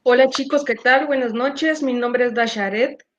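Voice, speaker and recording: A woman in her twenties from Guatemala, with a fairly high voice, introduces herself on a webinar. She sounds friendly and upbeat. The audio is dull, low-fidelity video call sound. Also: unhurried, slight background noise. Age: 20s. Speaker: student organization team lead. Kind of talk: panel self-introduction.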